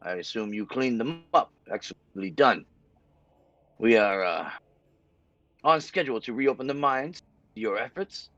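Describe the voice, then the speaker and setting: A man voicing a male half-orc town speaker who addresses adventurers in stiff, formal speech with a gruff edge. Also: medium pitch, expressive, unhurried, pauses often, a bit bright, no room sound, lo-fi sound. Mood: formal, grateful.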